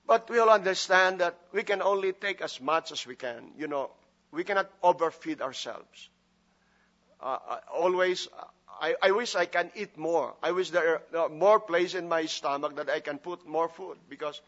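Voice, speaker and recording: A slightly high, somewhat bright male voice comes through lo-fi sound. The speaker is a Filipino guest pastor, native in Filipino, who preaches and prays with joking asides and lots of fillers in a chatty style.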